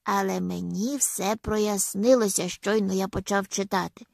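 A woman voicing a nervous, trembling man who pleads slowly and earnestly, in an audiobook reading. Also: high voice, steady tone, creaky, no echo, clean studio sound. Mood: earnest pleading. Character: nervous trembling man, newly converted zealot.

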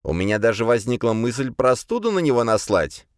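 Man as a cheeky male demon, raised pitch, teasing tone, audiobook spirit role. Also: big pitch swings, a little fast, dry recording, clean studio sound, close to an everyday voice.

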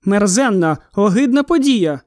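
A man's voice: high-pitched, moderate pace, dry recording, clean studio sound. A man reading the part of an agitated, exclaiming middle-aged town constable in an audiobook. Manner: excited and exclaiming.

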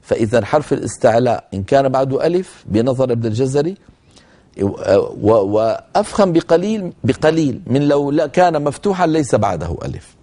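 A man lecturing on Quran recitation rules, explaining points and demonstrating pronunciation by slowly reciting words to his students. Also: mid-range voice, big pitch swings, warm tone. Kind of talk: lecture on tajweed.

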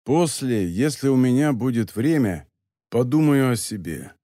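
A man voicing a cool-headed master thief, speaking low and insistent. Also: expressive, measured pace, dark tone, no room sound, studio quality, close to an everyday voice. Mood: hushed, urgent. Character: cool-headed master thief, male, urgent then calm.

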